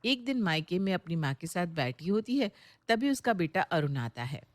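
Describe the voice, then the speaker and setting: A woman narrating a moral storybook tale in a calm, even way. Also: on the low side, moderate pace, no echo.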